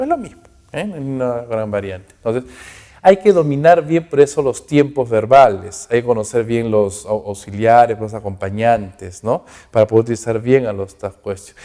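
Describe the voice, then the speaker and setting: Warm-voiced teacher, lots of "ok?". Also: male voice, mid-range voice. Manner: explanatory, many "ok?" and "¿no?" tag checks; reads English examples aloud with acted intonation. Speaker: English teacher. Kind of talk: online class lecture in Spanish.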